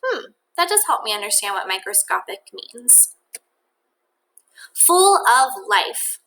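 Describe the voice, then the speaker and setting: Here a woman teacher reads aloud from a children's nonfiction book, deliberate and full of expression, and speaks her thoughts to the children as asides. Her pitch is fairly high.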